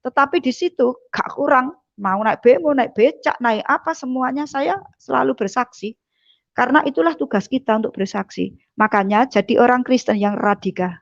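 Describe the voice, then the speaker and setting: A fervent woman preacher tells her testimony in a fairly high voice. She often dips softly to address the congregation. The sound is dry and slightly dull. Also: normal speed, creaky, no room sound. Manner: fervent, drops voice on repeated "saudara". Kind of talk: testimony sermon.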